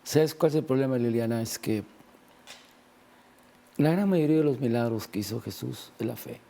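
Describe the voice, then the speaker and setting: A man's voice: medium pitch, moderate pace, vocal fry, mellow. A man in a conversational religious talk, discussing faith and healing and retelling gospel scenes with acted-out quotes.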